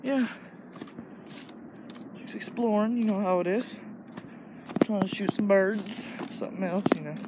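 This Illinois teen speaks in a high voice, a bit slowly and with long pauses, filming a loose walking vlog on his phone in the woods. His talk is rambling and crude, packed with "like," over noisy outdoor audio.

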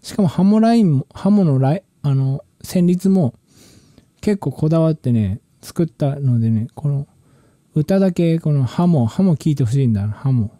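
A man's voice: a little high, moderate pace, no echo, studio quality. A musician talking casually about his own production work, in a loose, rambling way with slangy phrasing and frequent restarts. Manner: relaxed, rambling, slangy speech with many restarts. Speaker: musician and channel host.

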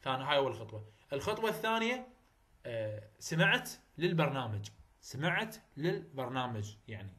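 A man's voice: mid-range voice, sing-song, fairly quick, pushed and bright. A young man with an Iraqi Arabic accent, giving a chatty step-by-step phonetics lesson. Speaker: English phonetics tutor. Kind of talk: casual lecture.

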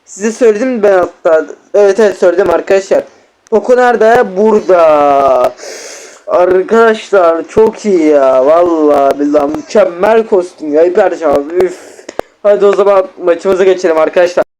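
Excitable high-voiced gaming commentator man. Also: fairly quick. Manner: excitable, repeats words and keeps addressing viewers. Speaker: gaming YouTuber. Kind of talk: live gameplay commentary.

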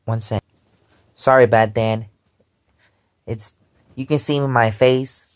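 Lying in bed at home with his phone held close above his face, a twenty-five-year-old vlogger talks slowly in a medium-pitched voice with fairly even intonation. It's a rambling casual chat, peppered with repeated "because, um."

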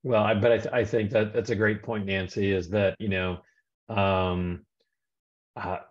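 A man's voice: on the low side, level tone, a little slow. A man speaking on a video call, rambling with many fillers and restarts. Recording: dull lo-fi call audio.

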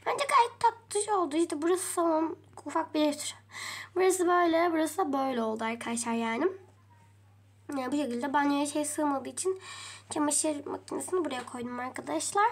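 High-voiced chatty woman vlogging a game. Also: fairly quick. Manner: chatty, addresses viewers often, mild swearing. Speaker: game role-play vlogger. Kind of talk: narrating a pretend trip vlog in a game.

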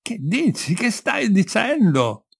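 A man voicing a doting, weak-willed father who speaks softly and then trembles and shouts in a story reading. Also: high voice, sing-song, slow pace, vocal fry, husky, no echo, studio quality, voice pushed up, exaggerated voice. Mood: stunned. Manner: soft and pleading, then shouting. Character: doting middle-aged father, weak and shaken.

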